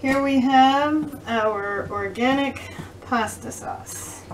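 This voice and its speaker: A woman's voice: high-pitched, drawn-out words, noisy background. A middle-aged woman hosting a home cooking show, chatting through each step as she cooks in her kitchen. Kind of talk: casual cooking demonstration. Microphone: camera a few feet away. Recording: distant camera mic with kitchen clatter.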